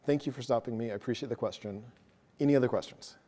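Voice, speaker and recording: A man presenting a technical talk to a live audience, quick and casual, joking about himself. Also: medium pitch, mellow. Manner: fast, casual, self-deprecating. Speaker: meetup presenter. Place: meeting room with an audience.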